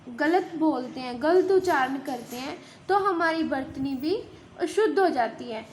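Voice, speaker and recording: A woman's voice: sits high, slight background noise. A woman school teacher giving a lesson in Hindi, explaining step by step and asking and answering her own questions. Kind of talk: online class lesson.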